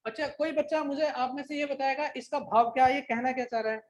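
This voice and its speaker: A male teacher gives a classroom grammar lecture in a high voice. He dictates slowly and repeats phrases. He keeps pausing to check that his students are following. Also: steady tone. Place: coaching classroom.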